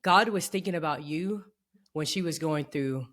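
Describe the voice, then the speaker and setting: A woman hosting a podcast, affirming her guest and asking questions in a measured, casual way. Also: deep voice, fairly bright tone. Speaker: podcast host. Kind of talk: casual interview conversation.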